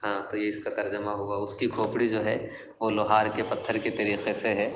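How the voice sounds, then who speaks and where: A man's voice: on the low side, completely flat delivery, background noise. A man teaching classical Arabic poetry in Urdu to a class, explaining each verse step by step and quizzing his students with questions. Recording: echoey classroom with long reverb.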